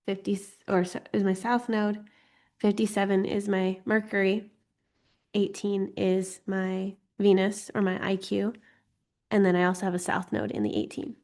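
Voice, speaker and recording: A woman running an online astrology course speaks at a normal speed in a level, mid-range, darkish voice. A lingering cold makes her slightly congested, but she stays giggly and playful, with self-deprecating asides.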